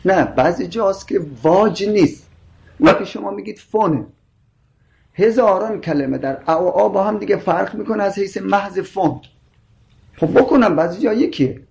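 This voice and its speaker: High gravelly man arguing a scholarly point, keeps repeating examples to make it stick. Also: darkish tone, a little hiss or hum. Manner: insistent, explains with repeated examples. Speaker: scholar explaining linguistics and Quran readings. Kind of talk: scholarly debate.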